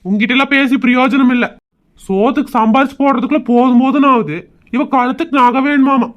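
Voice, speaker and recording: A man's voice: very high voice, fairly even intonation, fast. A man performing a teasing, mocking husband in a comedy sketch. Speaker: comic sketch actor playing a husband. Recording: dull lo-fi audio.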